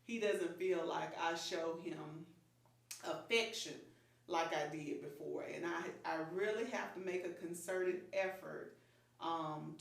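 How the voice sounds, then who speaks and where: A woman's voice: lowish voice, gravelly. A woman in her fifties speaking frankly and openly as a guest in a casual chat. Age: 50s. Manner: frank, open, laughs easily. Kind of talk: candid personal chat. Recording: echoey room, voice from far off.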